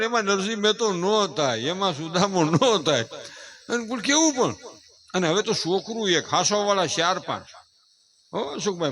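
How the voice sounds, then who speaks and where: Bright high-voiced male storyteller. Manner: playful, acts out voices of mothers and family members; rising to emphatic declamation. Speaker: folk speaker addressing an audience. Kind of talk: folksy moral talk to a live audience.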